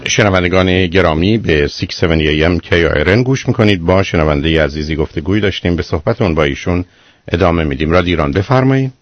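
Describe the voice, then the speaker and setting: A man's voice: no echo, soft background music. A man hosting a radio call-in show as a psychologist, giving blunt, lecturing advice to a caller. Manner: blunt, lecturing, rises in pitch when exasperated. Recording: muffled radio broadcast, dry studio.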